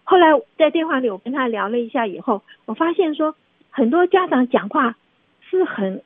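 A woman's voice: high-pitched, lively intonation, moderate pace. A woman with a Taiwanese Mandarin accent hosting a radio discussion, telling anecdotes in an emphatic, explanatory way with frequent tag questions. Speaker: radio show host and commentator. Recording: thin phone-like radio sound, roomy echo.

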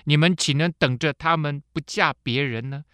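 A man voicing a grieving elderly widow who pleads slowly and sorrowfully with her daughters-in-law. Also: on the high side, fairly bright tone, smooth, dry recording, pitched above the performer's own voice, close to an everyday voice. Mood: sorrowful pleading.

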